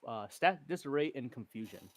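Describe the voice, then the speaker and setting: A male player with a lively, swinging intonation and an average pitch chats casually through a game. He thinks aloud, checks the rules and second-guesses himself, in a close, dry recording. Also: moderate pace, no echo. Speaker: player in an online tabletop battle. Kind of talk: casual gaming chat.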